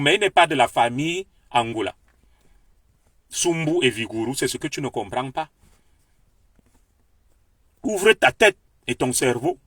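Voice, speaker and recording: A political commentator from Cameroon, speaking with a Beti French accent, lectures his audience in an impassioned, heated, declamatory monologue about politics. His voice is a little high with a fairly bright tone, and the recording is dry and studio-clean.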